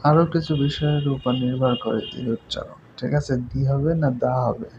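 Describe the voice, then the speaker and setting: A man's voice: medium pitch, fairly quick, darkish tone. A man explaining a grammar lesson patiently, repeating points and checking that listeners follow. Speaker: teacher. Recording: dull lo-fi recording with faint noise.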